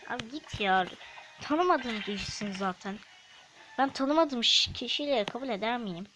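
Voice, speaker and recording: A woman's voice: fairly high pitch, pushed and bright, rough recording. A woman hosting a gaming channel, commentating her play in a chatty manner and snapping at opponents. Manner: chatty, quick to snap at opponents. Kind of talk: game commentary. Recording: faint background noise.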